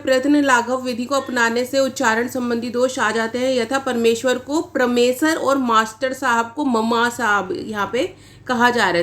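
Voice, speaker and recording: A woman teacher giving an exam-prep lecture, explaining points step by step and asking rhetorical questions as she goes. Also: a little high. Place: online class recording.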